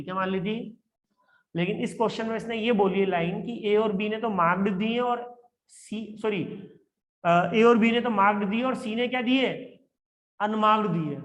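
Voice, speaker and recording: A man teaching an accountancy class, who keeps checking with his students and repeats English phrases slowly as he reads out a question. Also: high voice. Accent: Indian English. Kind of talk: classroom lecture.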